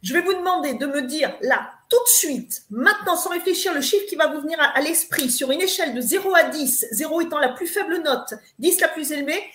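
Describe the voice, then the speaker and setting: Cast note: emphatic woman coach, high voice, roomy echo, lecturing with frequent fillers. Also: animated, fairly quick, few pauses, a bit bright. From eastern France. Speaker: spiritual coach guest. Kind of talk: live advice talk.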